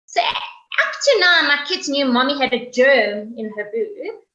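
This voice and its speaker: A woman with a bright, forceful, fairly high voice tells her story frankly and conversationally. She slips into the voices of the people around her. The sound is roomy and a little dull, like a lo-fi webinar call. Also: sing-song, unhurried. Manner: candid, conversational storytelling, acting out what people said. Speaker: guest speaker, cancer survivor. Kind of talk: personal testimony in a webinar. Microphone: video call.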